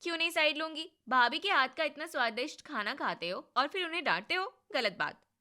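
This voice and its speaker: In this storybook drama, the young sister-in-law is cheeky and bubbly, played by a woman with a bright, slightly high voice. She comes across as loud, playful and a bit bossy, speaking briskly with lively intonation.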